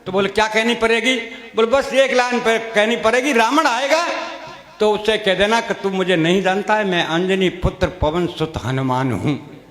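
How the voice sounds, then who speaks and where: A man with a high voice tells rustic comic stories on stage. He acts out each character as he goes. His voice rings out through a reverberant hall. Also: normal speed, fairly bright tone. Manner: rustic storytelling, voicing each character in turn. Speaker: stand-up comedian. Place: stage at a comedy gathering. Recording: echoey hall, long reverb.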